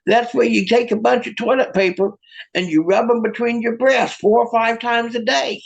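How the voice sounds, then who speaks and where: A sly husband firing wisecracks at his wife, as a comic quotes him. His voice is high and gravelly. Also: steady tone, moderate pace, lo-fi sound, heavily acted.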